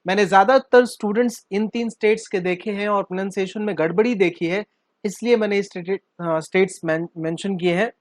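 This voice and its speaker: A man's voice: high-pitched, a little fast, no echo. A man from northern India, teaching spoken English at a board in a playful way, often checking in with his students. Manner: playful, addresses students directly, checks understanding with questions.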